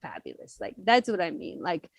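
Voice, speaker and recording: A woman's voice: on the low side, wildly swooping pitch, moderate pace, creaky, no echo. A young woman chatting as a guest on a podcast, rambling and playful, with lots of fillers and little acted voices. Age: young adult. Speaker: podcast guest, club member. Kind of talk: casual podcast chat.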